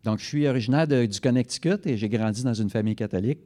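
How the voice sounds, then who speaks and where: A man's voice: mid-range voice, quick pace, mellow. A man interpreting a guest speaker's talk into French for a church congregation, fluent with occasional self-corrections. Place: church service.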